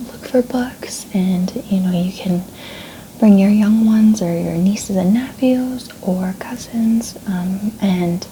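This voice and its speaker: A woman speaking in a soft, breathy near-whisper in a whispered role-play as a gentle, polite and reassuring librarian. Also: mid-range voice, a little hiss or hum, low-quality recording. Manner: polite, reassuring, gentle customer-service phrasing. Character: gentle, helpful female librarian. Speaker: ASMR creator playing a librarian.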